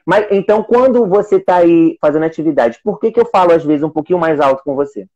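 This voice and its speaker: On a lo-fi recording, a man with a slightly high, dark voice talks fast in a casual live video chat. He teaches young children and is an adoptive single father, and he rambles with frequent restarts, repeating his conversations with his son.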